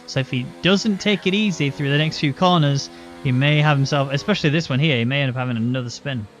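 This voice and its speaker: A man's voice: mid-range voice, fast talker, soft background music. A man giving live motorsport commentary, calling the race play-by-play and explaining the moves as they unfold. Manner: running play-by-play with explanatory asides. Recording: muffled, noisy, engine sounds behind.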